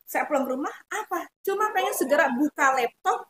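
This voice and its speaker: A woman's voice: high-pitched, lively intonation, brisk, fairly bright tone. A middle-aged woman with a Sundanese accent, telling her personal story animatedly and acting out the voices of the people in it. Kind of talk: emotional personal testimony.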